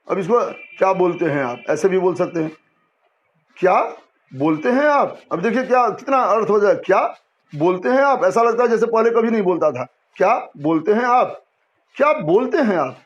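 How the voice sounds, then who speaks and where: This man's voice is high as he walks students through a Hindi language lesson, patient in his explanations and often raising questions only to answer them on his own. The sound is muffled and lo-fi.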